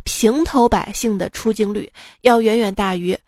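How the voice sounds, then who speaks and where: A woman radio host with a slightly hoarse voice, telling jokes in a playful, dry, self-mocking way. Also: medium pitch, moderate pace, darkish tone, dry recording. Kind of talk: casual comedic joke telling.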